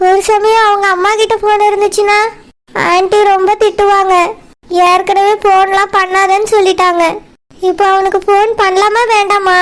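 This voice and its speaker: A woman voicing a tearful young village woman in a cartoon, a student in love who is afraid of her strict parents. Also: very high voice. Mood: worried. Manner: tearful, pleading. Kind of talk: cartoon voice acting.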